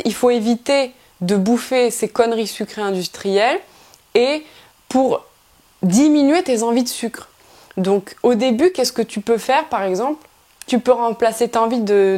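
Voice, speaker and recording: A woman's voice: on the high side, measured pace, warm tone. A young woman giving casual fitness advice straight to the viewer, slangy and informal, full of fillers and restarts. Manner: chatty, informal and slangy, addresses viewer as tu with frequent "tu vois". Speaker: fitness vlogger. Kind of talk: casual direct-to-camera advice.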